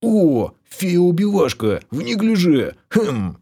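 A husky, huffing little gnome who grumbles and wheedles for loot, as a man puts him on. His voice sits higher than the reader's own and has an odd, strained timbre. He sulks and bargains in a lively, bouncing tone. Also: slow, full character voice. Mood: sulky. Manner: huffing, sulky. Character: grumbling greedy male gnome, touchy.

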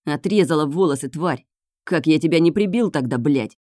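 A woman's voice: deep voice, expressive, normal speed, no room sound, clean studio sound. Woman voicing a snarling, obsessive young man. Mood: raging. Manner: snarling, swearing, shouting outbursts.

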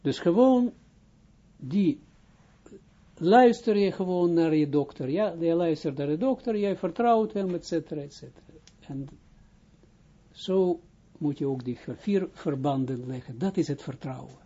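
A rabbi giving an informal spoken lesson, a man who talks haltingly, restarts his phrases and keeps asking whether he is understood. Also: fairly high pitch, lively intonation, dark tone, dull audio. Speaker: rabbi teaching Kabbalah.

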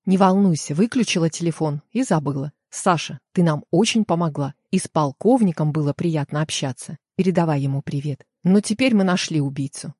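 A woman's voice: low voice, brisk, hardly any pauses, warm tone, slightly rough, no room sound, studio quality. A woman voicing a brusque male police investigator in an audiobook, curt and dismissive.

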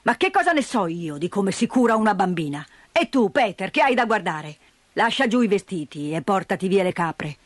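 A woman voicing a grumpy old mountain grandfather who speaks curtly and gruffly in a storybook reading. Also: mid-range voice, very animated, moderate pace, dry recording. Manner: curt, gruff, muttering.

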